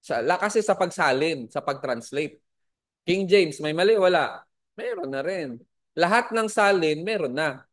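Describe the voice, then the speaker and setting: A man's voice: a little high, animated, measured pace. A man teaching a Bible school lesson to a class, spelling out words and asking his students questions.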